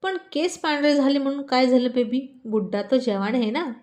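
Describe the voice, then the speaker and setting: A woman reading the part of a man in his mid-thirties who teases his wife fondly. He sounds playful and warm toward her, in a fairly high storyteller's voice. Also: moderate pace, lightly acted. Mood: affectionate, teasing. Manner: teasing, fond.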